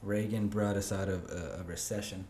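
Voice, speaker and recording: A man's voice: sits low, steady tone, moderate pace, mellow. Echoey young man arguing his views. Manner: emphatic, opinionated, rises when arguing. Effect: echoey sound on his voice. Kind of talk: casual political chat. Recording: echoey room, faint ambient hiss.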